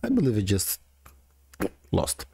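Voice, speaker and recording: A lowish, creaky, warm voice with a breathy edge swoops wildly in pitch at an unhurried pace, with no room sound. It belongs to a gaming video creator in his forties with a strong Brazilian Portuguese accent, casually chatting and thinking aloud about his own card game.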